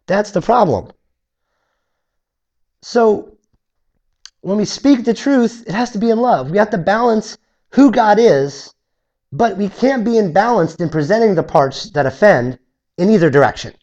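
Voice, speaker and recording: A man preaching through a Bible passage in a conversational way, acting out the objections of listeners. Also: sits high. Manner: animated, acts out objectors in voices; conversational, with restarts. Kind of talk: expository Bible teaching.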